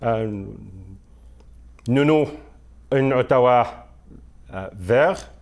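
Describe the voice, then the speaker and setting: A man giving a campaign message as a candidate, halting often and repeating phrases. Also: mid-range voice. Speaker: mayoral candidate.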